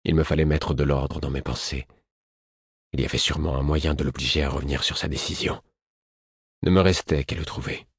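A man narrating a first-person audiobook in a measured, somber way. His voice is very deep with a husky grain, recorded dry and close. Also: fairly even intonation, no room sound.

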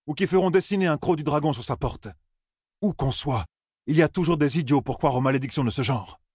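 A man reading an audiobook, voicing an earnest, forceful young village man who urges others with pleading, husky speech. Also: a little high, brisk, no echo, studio quality, voice pushed up. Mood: challenging. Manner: pleading, urgent persuasion.

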